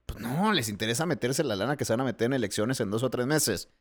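Man, podcast co-host, teasing, provocative, mid-pitched voice. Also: expressive, fast talker. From Mexico. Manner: provocative, teasing, challenging questions. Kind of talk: casual political chat.

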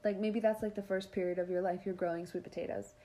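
A woman's voice: mid-range voice, little pitch movement, quick pace, mellow. Woman cohosting a chill podcast, rambly, says like a lot, kinda wandering thoughts. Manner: rambling, heavy use of "like". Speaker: podcast co-host. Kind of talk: casual chat.

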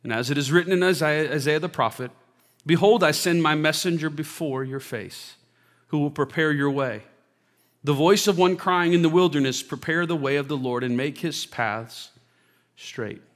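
A man, a pastor, preaching a sermon, reading scripture aloud with rising emphasis and praying softly during a live church service. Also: on the high side, normal speed. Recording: long reverb of a large hall.

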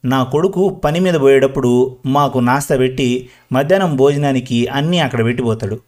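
Man playing talkative old village granny, slow and rambling, storybook. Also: mid-range voice, darkish tone, lightly acted. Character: chatty old village grandmother, talkative and proud. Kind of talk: storybook reading.

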